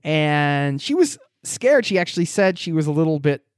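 A man's voice: on the high side, very animated, normal speed, clean tone, no room sound, clean studio sound. A man hosting a podcast from a wooden cabin, chatting casually and cheerfully to listeners as friends. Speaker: podcast host. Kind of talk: solo podcast intro, casual chat to listeners.

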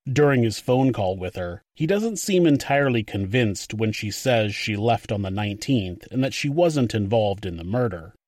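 A man hosting a true crime podcast, reading a scripted narration in a measured way and commenting on the evidence. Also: lowish voice, lively intonation, darkish tone, dry recording, clean studio sound.

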